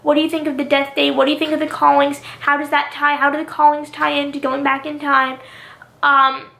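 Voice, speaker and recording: A young woman talks straight to her camera in a loose, rambling vlog, looping back on her points with lots of "um" and "literally". Her voice sits high with a gravelly fry, a touch hoarse, and the small room around her sounds echoey. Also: monotone, brisk, sharp tone. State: slightly hoarse from long talking. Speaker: YouTuber. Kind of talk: casual vlog monologue.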